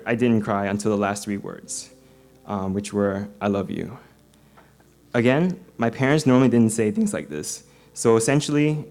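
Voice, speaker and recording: A man's voice: on the low side, darkish tone. Earnest young man giving a church testimony. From Singapore. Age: 20s. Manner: earnest, frequent ums and uhs. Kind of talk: prepared personal testimony. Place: church service.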